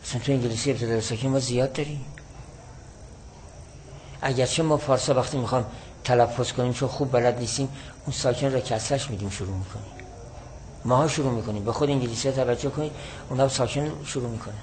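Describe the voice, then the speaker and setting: Male teacher, mid-pitched, measured and explanatory, repeats points, faint noise behind. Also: darkish tone, low-quality recording. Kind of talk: classroom lecture explaining a classical text.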